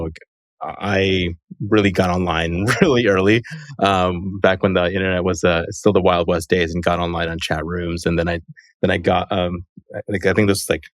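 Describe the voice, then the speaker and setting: A man's voice: low-pitched, little pitch movement, a little fast, no echo, clean studio sound. A man talking casually as a podcast guest, chatty and loose, leaning on "like" fillers and laughing through his sentences. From Los Angeles, USA. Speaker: guest, company co-founder. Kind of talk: casual interview conversation.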